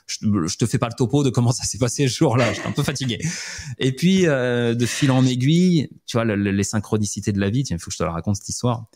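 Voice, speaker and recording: A man from the Montpellier area, probably in his thirties, telling his own story as a podcast guest in a lively, vivid way, often adding "tu vois". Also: medium pitch, fast. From France, Montpellier area.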